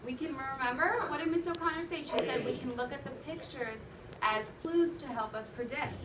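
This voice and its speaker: Over a loud crowd in an indoor classroom, an elementary school teacher reads a storybook to her class at a moderate pace. Her voice is high, and she reads expressively, teaching and questioning as she goes. The room is echoey and noisy, and the mic is distant.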